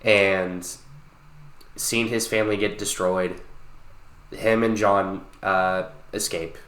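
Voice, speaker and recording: Man, late twenties, podcast co-host, animated storyteller, low pitch, echoey room. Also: slow. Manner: animated storytelling, swearing freely. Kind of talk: casual chat.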